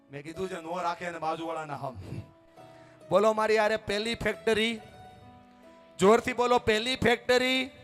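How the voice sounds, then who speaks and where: A man giving an energetic motivational speech at a family gathering. He exhorts the audience and leads them in call-and-response chants, sometimes shouting. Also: high voice.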